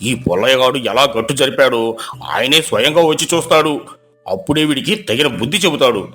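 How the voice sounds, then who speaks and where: A man voicing an angry farmer accusing his neighbour in a storybook tale, in a loud, raised voice. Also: medium pitch, animated, fast talker, soft background music, lightly acted. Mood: indignant. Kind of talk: storybook voice acting.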